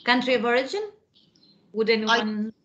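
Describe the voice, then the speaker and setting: A woman moderating an online webinar, slowly relaying participants' answers from the chat. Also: a little high, expressive, fairly bright tone, lo-fi sound. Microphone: video call.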